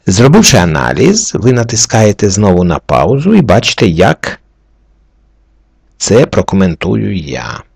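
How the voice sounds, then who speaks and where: A man's voice: on the low side, wildly swooping pitch, gravelly, a little mellow, breathy edge, no room sound, studio quality. A man teaching a recorded lesson, methodically walking through the reading rules letter by letter. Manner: methodical, slowly walks through each letter rule. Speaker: French teacher.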